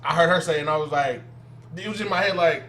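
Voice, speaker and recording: A man's voice: on the high side, fast talker, a bit bright, a little hiss or hum. A man co-hosting a casual podcast chat, rambling loosely and laughing often. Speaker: podcast co-host.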